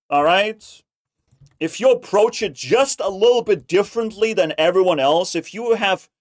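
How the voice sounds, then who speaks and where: A man hosting a reaction video with casual, profane, mocking commentary and drawn-out emphasis. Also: fairly high pitch, no echo, clean studio sound.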